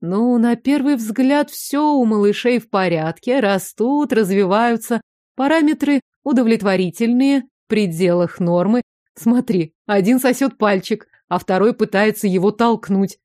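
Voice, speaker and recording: A woman voicing a brisk, teasing middle-aged woman doctor who grumbles and jokes as she works. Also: a little high, mellow, no echo, clean studio sound, natural voice. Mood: professional.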